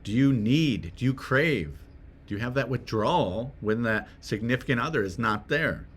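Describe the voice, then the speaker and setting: Speaking straight to the camera, this man with Swedish heritage offers conversational self-help advice, posing rhetorical questions and often adding "right?". His voice sits in the mid range with lively intonation, a breathy edge and normal speed.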